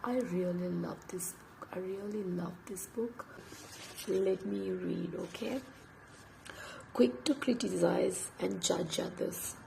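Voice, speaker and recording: Late at night, a Tamil-speaking English instructor reads aloud from a book in a hushed, breathy half-whisper, her voice nearly gone from a sore throat. She speaks slowly at a fairly low pitch, and the rough recording carries a little hiss or hum.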